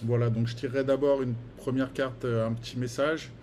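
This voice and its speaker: A man's voice: mid-range voice, little pitch movement, fairly quick, a little mellow, a little hiss or hum. A man giving a tarot card reading in casual, hesitant speech full of fillers and restarts, encouraging his listeners. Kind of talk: casual spoken guidance.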